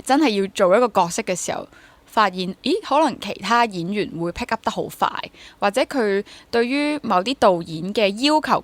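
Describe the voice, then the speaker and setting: Her voice is medium-pitched and a bit bright, recorded with no echo: a twenties-aged woman with a Hong Kong accent, guesting in a casual interview as a freelance theatre actor and drama teacher. She speaks candidly and reflectively, questioning herself and slipping English words into her sentences.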